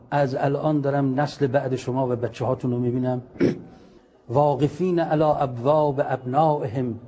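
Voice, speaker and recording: A man preaching a sermon with impassioned, argumentative rhetoric, reciting Arabic quotations slowly and then translating them. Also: fairly high pitch, dark tone, husky.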